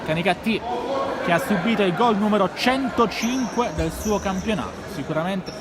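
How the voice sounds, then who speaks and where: A man giving live futsal commentary, his voice rising excitedly for goal calls. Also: high-pitched, moderate pace. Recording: loud indoor sports hall noise.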